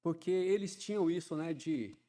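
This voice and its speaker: A man, preaching a sermon in a chatty style that swells into loud, fervent emphasis. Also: fairly high pitch, moderate pace. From Ceará, Brazil. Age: 50s. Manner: conversational preaching, often adds "né", builds to loud fervent emphasis.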